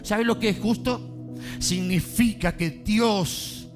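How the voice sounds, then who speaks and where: A man preaching a sermon in a church, fervent, calling on the congregation to answer and rising to shouts. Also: sits high, takes it slowly, over music. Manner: fervent, builds to shouting, calls on congregation to respond.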